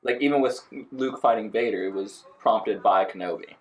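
Lower-voiced young man in casual chat. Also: slightly rough. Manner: joking, quick to laugh.

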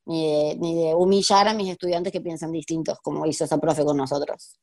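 A woman's voice: sits low, steady tone, brisk, a little mellow. A woman in her thirties with a Rioplatense Spanish accent, a history teacher talking casually in an interview, laughing often and using many fillers. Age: 30s. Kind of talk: conversational interview.

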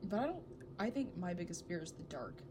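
A woman co-hosting a casual chat podcast, playful and quick to react. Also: on the low side, big pitch swings, noisy background. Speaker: podcast co-host.

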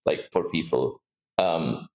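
A man's voice: extremely low pitch, slow pace, a little mellow. A man from India co-hosting a casual podcast chat, earnest and advising, with many fillers. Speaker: podcast co-host. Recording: roomy echo.

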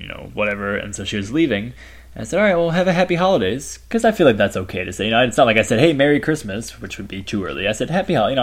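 Low-voiced dude in his 20s, rambly casual podcast chat. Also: vocal fry, a bit bright. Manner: rambling storyteller, fillers, laughs a lot. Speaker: podcast co-host.

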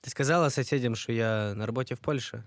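A man playing a wounded soldier phoning his mother, quick to anger and coarse. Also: mid-range voice, no room sound, lightly acted. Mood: weary. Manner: speaks Russian on a speakerphone call, curses when angry. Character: wounded soldier son, harsh, quick-tempered. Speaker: actor in a radio play.

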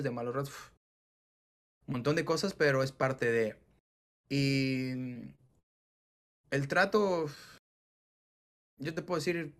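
A man in casual interview talk, animated, swearing casually and acting out the dialogue he quotes. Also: medium pitch. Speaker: entrepreneur guest.

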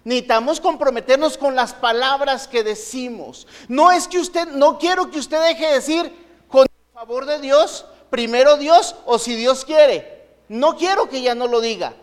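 High-voiced man preaching in a reverberant hall. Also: measured pace. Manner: conversational preaching with rhetorical questions to the congregation. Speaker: pastor. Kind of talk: sermon.

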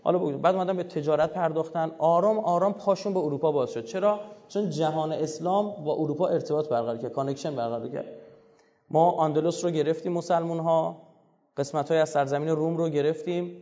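A man's voice: fairly high pitch, dark tone. Emphatic lecturing man in a reverberant hall. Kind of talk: religious history lecture. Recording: dull lo-fi recording with long hall reverb.

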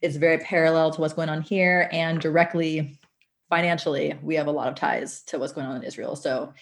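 Young woman, interview guest, earnest and conversational, low voice. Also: fairly even intonation, brisk. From United States.

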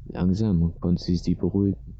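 A man reading a story aloud as narrator in a steady, even way, on a dull lo-fi recording. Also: low-pitched, normal speed, no room sound.

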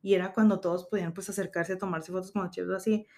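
A woman's voice: fairly low pitch, steady tone, fast talker, a little mellow. A woman in her thirties with a Mexican accent, hosting a podcast and telling a story in casual chat, slangy and swearing freely while acting out quotes. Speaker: podcast host.

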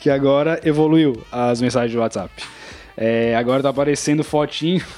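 A man's voice: mid-range voice, fairly quick, a little mellow. A young man co-hosting a casual podcast, teasing his co-host and laughing often.

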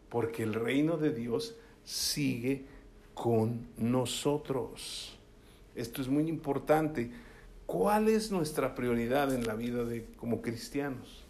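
A male preacher giving a sermon, reading scripture aloud and often checking in with his listeners. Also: mid-range voice. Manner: keeps asking the listeners "¿sí?"; reads scripture aloud with emphasis.

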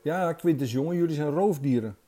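A talking deer delivers warnings with grave, pressing earnestness, as a male narrator puts him on. The voice sits a touch higher and fuller than the storyteller's own, mellow and warm underneath. A faint bed of music hums behind. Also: fairly quick, natural voice. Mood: urgent.

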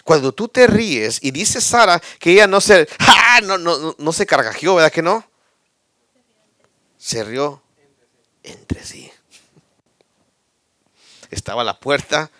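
A male pastor preaching a sermon, drawing call-and-response from listeners and swinging from loud exclamations to near whispers. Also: fairly high pitch, expressive, takes it slowly, pauses often, no room sound.

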